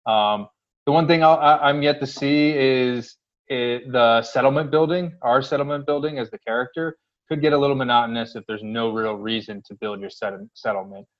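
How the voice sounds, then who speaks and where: A man co-hosting casual gaming commentary, giving blunt, slangy opinions in halting, loosely built sentences. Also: mid-range voice, muffled recording. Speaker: co-host.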